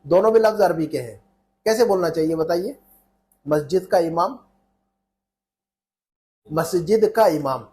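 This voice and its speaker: A man's voice: a little high, animated, unhurried, long pauses, mellow. A man teaching an Arabic lesson in Urdu, repeating phrases and checking that students follow.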